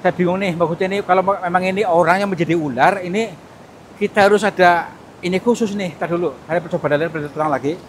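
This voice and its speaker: Nervous high-voiced man, noisy outdoors. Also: fast talker. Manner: nervous, pleading, repeats words many times. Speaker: mystic vlogger. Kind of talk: hushed ghost-hunting commentary. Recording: loud rumbling background noise.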